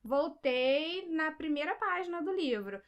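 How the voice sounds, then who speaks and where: A woman's voice: high voice, animated, measured pace, highs cut off. A young woman with a Brazilian Portuguese accent, chatting casually about a book and often checking in with her listeners. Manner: chatty, many fillers and rhetorical "sabe?". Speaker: book vlogger. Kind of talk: casual book review chat.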